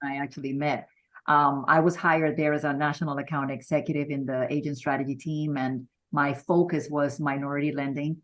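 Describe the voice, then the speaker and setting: A middle-aged woman with a notably low voice. She tells her career story candidly and with animation, as an interview guest. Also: flat delivery, brisk, hardly any pauses, a bit bright.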